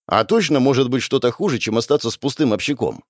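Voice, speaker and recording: A man voicing a hot-tempered young street boy, a shoe-shiner, who shouts indignantly. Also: medium pitch, lively intonation, fast talker, no echo, studio quality, voice pushed up, close to an everyday voice. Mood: agitated.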